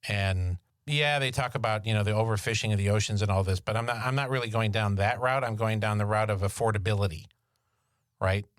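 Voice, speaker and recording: A man's voice: on the low side, a little fast, dry recording. A man co-hosting a financial podcast in casual chat, with dry, sarcastic quips. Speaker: podcast co-host.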